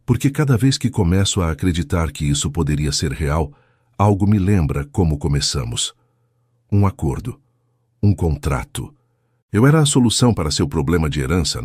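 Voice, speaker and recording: A man's voice: a bass voice, darkish tone, breathy edge, no echo, clean studio sound, full character voice. A man reading a hurt, bitter young wife. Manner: bitter, accusing, measured. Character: hurt, guarded young wife confronting her husband.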